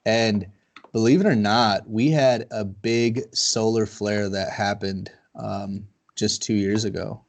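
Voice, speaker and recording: A man's voice: lowish voice, steady tone, takes it slowly, creaky. A man hosting a podcast over a video call, chatting casually, rambling and swearing. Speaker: podcast host. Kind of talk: casual chat.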